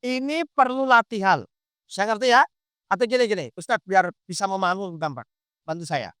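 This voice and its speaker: Guy preaching to a crowd, bright clear voice, keeps firing questions at them, dry sound. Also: high voice, normal speed, no echo. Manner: animated, quizzes the audience with questions. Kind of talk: lively interactive sermon.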